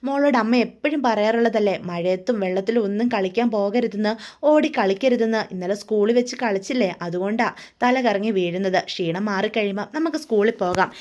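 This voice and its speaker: A woman voicing a caring young woman who gently coaxes a sick child to eat. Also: mid-range voice, a little fast, natural voice. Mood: gentle coaxing. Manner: gentle, coaxing.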